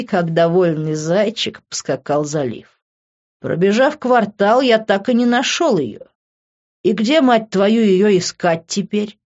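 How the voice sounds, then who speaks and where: A woman narrating a first-person audiobook in a measured storytelling voice. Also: mid-range voice, darkish tone. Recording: dull lo-fi recording.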